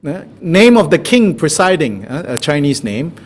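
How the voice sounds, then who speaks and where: An animated Malaysian man with a higher voice teaches as a Buddhist teacher at a moderate pace, answering students' questions in informal spoken teaching. He chuckles, keeps it playful and conversational, and often checks in with "you know."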